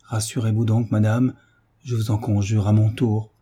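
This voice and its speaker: A man reading aloud as a devoted gentleman, speaking with calm, earnest reassurance. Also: on the low side, moderate pace, breathy edge. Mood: reassuring.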